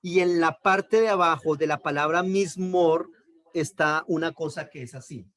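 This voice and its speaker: A man's voice: on the high side, moderate pace, a bit bright. A man teaching a Bible lesson on Hebrew accent marks, explaining patiently, repeating key terms and checking in with his listeners.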